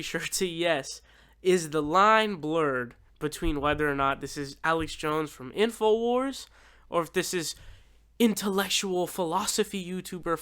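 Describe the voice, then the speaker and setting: A man with a fairly high, very clean voice gives off-the-cuff commentary. He is informal and swears freely, sounding exasperated and incredulous as he reacts. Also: a bit bright, clean tone. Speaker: YouTube political commentator.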